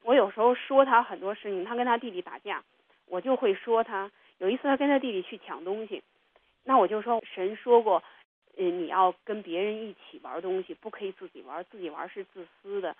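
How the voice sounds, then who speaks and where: A woman's voice: medium pitch, a little fast, no room sound. Earnest woman telling a story, tinny sound. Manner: earnest storytelling, acting out her children's voices. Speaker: interview guest. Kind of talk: personal testimony on a radio program. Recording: tinny phone-like radio sound.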